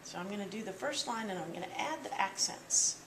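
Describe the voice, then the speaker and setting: A woman's voice: mid-range voice, expressive, a little fast, noisy background. A woman teaching a percussion lesson, explaining patiently step by step with small fillers. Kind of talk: instructional walkthrough. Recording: roomy, distant mic with loud drumming.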